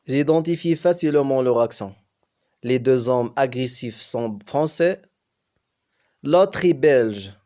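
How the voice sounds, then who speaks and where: A man who teaches French, reading a novel aloud slowly and carefully. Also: medium pitch, expressive, mellow. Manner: slow, careful storybook reading.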